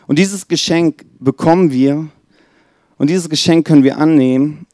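A man's voice: on the high side, no echo, studio quality. Earnest man preaching a Christmas sermon. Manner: earnest, addresses listeners directly; drops to a soft, slow tone when reading scripture. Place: church.

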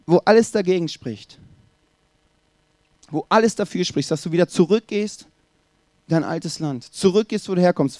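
A man's voice: on the high side, warm tone, dry recording. Emphatic German-speaking male preacher. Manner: emphatic, addresses listener directly with rhetorical questions. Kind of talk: sermon.

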